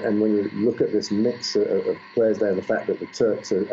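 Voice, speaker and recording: Low deep guy correspondent on a bad quality stream, muffled with a bit of hiss, lots of uhs. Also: warm tone. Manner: halting, full of fillers and restarts. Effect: low-quality live stream link. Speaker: foreign correspondent. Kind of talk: live news report. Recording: muffled lo-fi line with faint noise.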